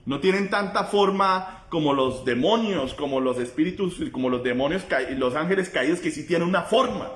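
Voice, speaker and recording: A male pastor, preaching a sermon with impassioned swings between loud cries and low intensity. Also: lively intonation, normal speed, hardly any pauses, roomy sound.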